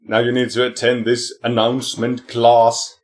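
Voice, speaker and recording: A man's voice: mid-range voice, completely flat delivery, normal speed. A man with a Finnish accent co-hosting a podcast, telling rambling stories and laughing often. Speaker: podcast co-host. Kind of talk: casual podcast storytelling.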